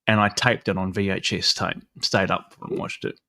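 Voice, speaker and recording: A New man hosts a live stream, chatting in a loose, rambling way full of fillers. His voice sits a little low, and the sound is dry and close. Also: steady tone, normal speed, creaky, pushed and bright, no echo. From New Zealand. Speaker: livestream host. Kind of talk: casual chat.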